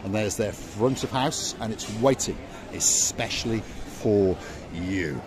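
Filmed at arm's length on a phone, a middle-aged vlog co-host and tour guide cracks jokes and teases like a showman during a nighttime walk along an outdoor harbour promenade. He talks slowly in a lowish voice, with music in the background and busy crowd chatter around him.

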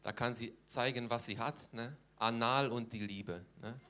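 A comedian in character delivers stand-up as a brash, bragging Polish man with a Polish accent, mangling German and turning almost each line into a question. The voice is mid-range, steady, bright and forceful, measured in pace, with slight background noise.

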